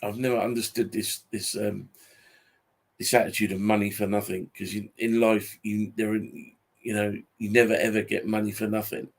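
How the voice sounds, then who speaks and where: A tired British YouTube host in his forties gives a casual, unscripted monologue in a husky, low, fairly flat voice. He grumbles wearily, rambling and often halting to repeat himself.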